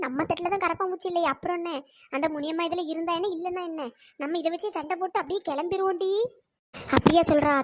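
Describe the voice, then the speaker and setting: A woman doing shrill squeaky cartoon village women. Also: a little hiss or hum. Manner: teasing, quarrelsome village banter. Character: group of scheming village women customers, cheeky and loud. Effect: pitched-up voice. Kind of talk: cartoon voice acting.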